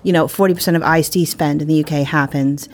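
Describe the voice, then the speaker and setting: A woman's voice: sits low, steady tone, fast talker. A woman in her forties, an industry panelist speaking emphatically in a casual discussion. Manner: emphatic, opinionated.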